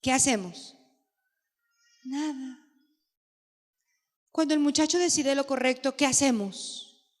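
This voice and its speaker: High-voiced woman pastor preaching slowly. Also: steady tone. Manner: emphatic, asks the audience questions. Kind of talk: sermon teaching parents. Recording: long hall reverb.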